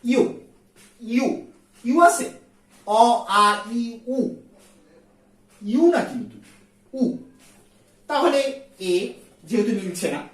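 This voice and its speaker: A woman teacher explains grammar at an unhurried pace, sounding out and repeating each sound. Her pitch sits a little high and moves about a lot. She is recorded from some way off in a roomy, echoing space. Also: expressive. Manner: slow, repeats sounds to drill them. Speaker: English teacher. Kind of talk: explaining grammar in a video lesson. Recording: echoey room, far from the mic.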